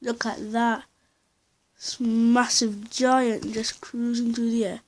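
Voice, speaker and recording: A woman with a slightly high voice talks her way through a flight sim session at home. She rambles in a chatty, offhand way, reading out numbers and thinking aloud as she goes. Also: little pitch movement, slow pace. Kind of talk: casual gameplay commentary. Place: at home, indoors.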